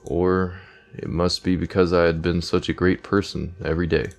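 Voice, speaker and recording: Low-pitched male gamer, reads game text aloud, chats between lines. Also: level tone, moderate pace, gravelly. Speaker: let's play gamer. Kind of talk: game playthrough commentary, reading text aloud.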